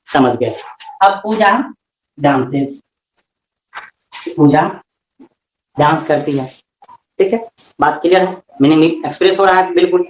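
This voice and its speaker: Lively Hindi-accented grammar teacher. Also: male voice, high-pitched, roomy sound, poor audio. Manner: lively, asks questions and answers them himself. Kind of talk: classroom lecture.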